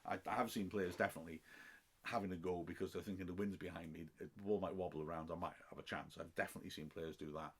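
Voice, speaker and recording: A middle-aged football commentator from Wales, speaking with a Welsh accent, chats casually through listener questions on a podcast. He's self-deprecating, with frequent ums and restarts, and his low, husky voice runs fast with fairly even intonation.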